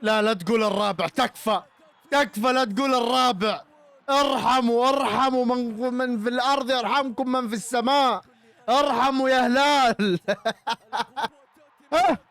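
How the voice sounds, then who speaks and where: A young Saudi man with a Gulf Arabic accent, reacting loudly to a football match as a streamer, shouting and teasing rival fans. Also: extremely high pitch, fairly quick, no echo. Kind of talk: excited live match reaction.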